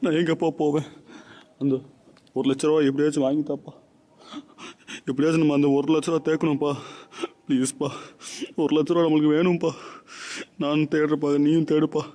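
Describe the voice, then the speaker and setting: A man acting in a short film as a caller who speaks softly and coaxingly to a young man. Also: on the high side, level tone, fairly quick, pauses often, natural voice. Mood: distressed. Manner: soft coaxing, calls him thambi.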